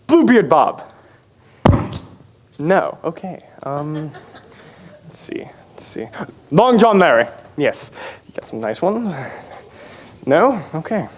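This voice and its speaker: An actor playing a vain, flamboyant pirate captain in a stage musical, theatrical and wordy, with a swaggering, wheedling manner. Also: male voice, fairly high pitch, very animated, slow, pauses often, full character voice.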